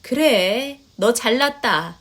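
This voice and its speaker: A woman's voice: a little high, lively intonation, slow pace, fairly bright tone, exaggerated voice. A woman voicing a nagging older mother-in-law who scolds, sighs and complains in a story reading. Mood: grumbling. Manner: scolding, sighing, huffy complaints. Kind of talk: storytelling voice acting.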